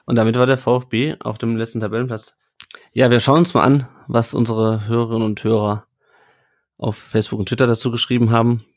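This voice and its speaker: A man's voice: mid-range voice, little pitch movement, brisk. A man hosting a casual football podcast, chatting with his co-hosts and reading listener comments aloud. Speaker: podcast host.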